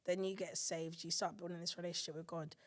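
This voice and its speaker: A woman's voice: on the low side, fast. A woman in her thirties from England, co-hosting a podcast in casual chat, telling stories with feeling. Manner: emotional, animated storytelling with put-on voices. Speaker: podcast co-host.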